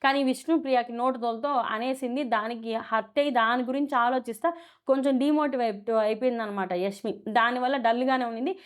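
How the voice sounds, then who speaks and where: A woman giving a chatty, animated recap of a reality show episode in casual commentary. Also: a little high, a little fast. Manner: chatty, animated retelling with many fillers and restarts.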